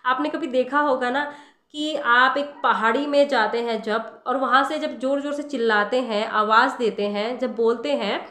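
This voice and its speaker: A woman's voice: on the high side, pushed and bright. A woman giving a casual spiritual talk on meditation, speaking straight to the listener and asking rhetorical questions. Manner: conversational, addresses listener directly with rhetorical questions. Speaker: meditation teacher. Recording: echoey room.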